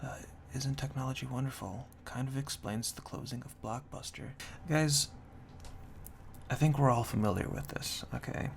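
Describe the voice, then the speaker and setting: A man whispering softly and close in a binaural ASMR style, reading reviews and commenting in a dry, deadpan way. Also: normal speed. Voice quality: hushed, breathy whisper mixed with soft low murmur. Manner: dry, tongue-in-cheek deadpan. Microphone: binaural microphone, very close to the ears. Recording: close binaural ear-to-ear mic, faint noise.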